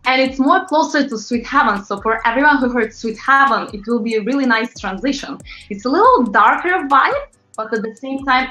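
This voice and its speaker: A woman from Latvia, a pop singer guest, chatting in a lively, animated way in an interview. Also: on the high side. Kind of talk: casual interview talk. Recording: roomy, slightly muffled sound with faint music.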